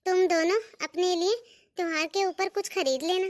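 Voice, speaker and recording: A woman's voice: very high voice, fairly even intonation, normal speed, no echo. A woman doing a stern cartoon mother-in-law. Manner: scolding, commanding, calls daughters-in-law "bahu". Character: stern but fair Indian mother-in-law. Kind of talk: cartoon voice acting.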